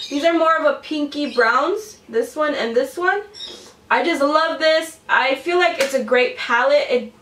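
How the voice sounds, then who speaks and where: A young woman in her twenties, working as a beauty vlogger, chats casually to the camera about makeup. Her high-pitched, fairly bright voice rambles with many fillers and sounds a little congested from a cold, while the mic sits slightly distant in a roomy, echoing space.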